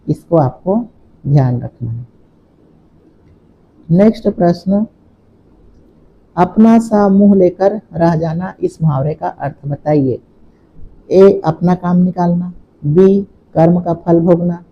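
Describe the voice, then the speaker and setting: Slow-paced man teaching exam questions. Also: a little high, muffled recording. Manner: explains step by step, repeats key points. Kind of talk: exam question walkthrough lesson.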